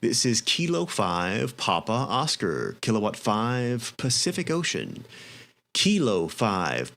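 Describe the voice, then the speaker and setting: Medium-pitched man working ham radio. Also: fairly bright tone. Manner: spells call signs in phonetic alphabet. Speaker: amateur radio operator. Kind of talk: casual radio operating, calling contacts.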